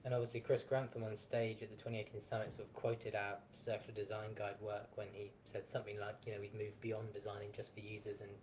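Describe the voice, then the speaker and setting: Lowish-voiced chatty male interviewer. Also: flat delivery, quick pace, few pauses, a little mellow, a little hiss or hum, rough recording. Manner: chatty, joking asides. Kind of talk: casual interview chat.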